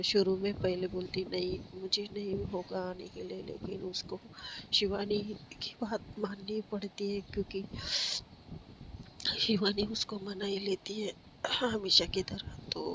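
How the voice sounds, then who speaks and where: A slightly hoarse narrator tells a story in a casual, unhurried way, pausing on fillers and correcting slips. The voice sits mid-pitch and stays flat with little rise and fall. A steady hiss runs under the home recording. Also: rough recording.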